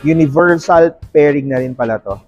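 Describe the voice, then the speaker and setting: A man with a Filipino accent unboxes and reviews a product in a playful, salesman-like casual chat, slipping English terms into his speech. His voice is on the high side with a darkish tone and moderate pace. The sound is lo-fi, with music in the background.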